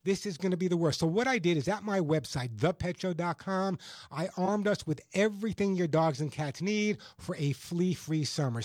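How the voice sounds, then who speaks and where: An American man with a high-pitched voice works as a radio host and pitchman. He speaks in a dry, close studio sound and drives points home with emphatic, salesman-like repetition. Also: a little mellow, no room sound. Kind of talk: radio call-in advice and self-read product pitch.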